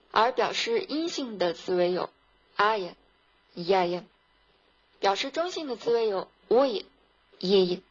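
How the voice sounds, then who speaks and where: Female language teacher, breathy tone, slightly dull lo-fi recording, careful drill delivery. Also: mid-range voice. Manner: slow, careful drilling of sounds. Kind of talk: scripted lesson narration.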